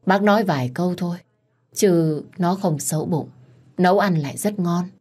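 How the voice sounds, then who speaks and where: A woman voicing a gruff but kind older mother-in-law who scolds and soothes. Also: fairly low pitch, normal speed, a little mellow, lightly acted. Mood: gruff, soothing.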